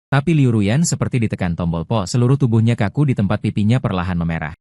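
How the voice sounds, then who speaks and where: A man reads a romance story aloud at a brisk pace in a steady, scripted way. His voice is low and mellow, and it is recorded dry and close with no room sound. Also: no room sound. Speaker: narrator.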